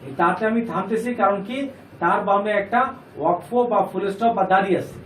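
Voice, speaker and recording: High-voiced man teaching in an echoey room. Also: fairly quick, fairly bright tone. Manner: patient, repeats points and asks the class questions. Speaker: Quran reading teacher. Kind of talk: classroom lesson. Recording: echoey room, distant mic, faint noise.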